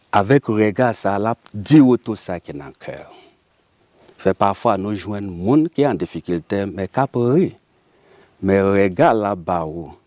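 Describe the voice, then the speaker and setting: A man from Haiti with a Haitian Creole accent, speaking as a guest in a casual interview, animated and laughing often. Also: sits low, dry recording.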